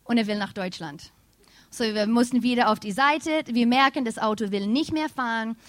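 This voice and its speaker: Animated woman preaching, German. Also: on the high side, moderate pace, no room sound. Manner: animated storytelling, addresses congregation directly. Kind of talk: sermon with personal story.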